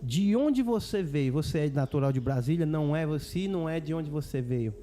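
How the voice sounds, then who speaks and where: A man's voice: a little high, lively intonation, fairly quick, warm tone. A man hosting a podcast, talking in a loose, chatty, slangy way. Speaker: podcast host and voice-over artist.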